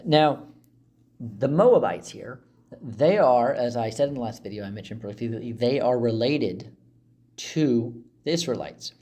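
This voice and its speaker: A man teaching through a Bible passage in a relaxed, conversational way, with frequent asides and fillers. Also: mid-range voice, unhurried.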